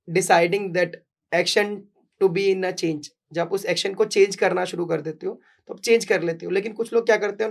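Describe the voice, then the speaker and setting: Male English coach, gravelly voice, explains in a podcast interview with pauses. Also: high voice.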